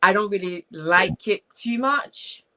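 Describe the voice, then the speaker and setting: A young Haitian woman whose first language is Haitian Creole speaks with a strong Haitian accent as a guest in a casual video-call interview. Her medium-pitched voice is animated, slow, pushed and bright as she reflects, and the recording is rough.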